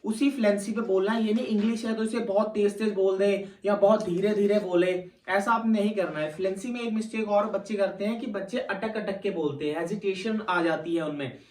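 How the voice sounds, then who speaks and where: A man's voice: high voice, brisk, few pauses, a little mellow, roomy sound, distant mic. A man from Punjab with a voice, coaching students for an English exam in a patient classroom manner and often checking in with "theek hai". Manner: patient, repeats points, frequent "theek hai" check-ins. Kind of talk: classroom-style lesson.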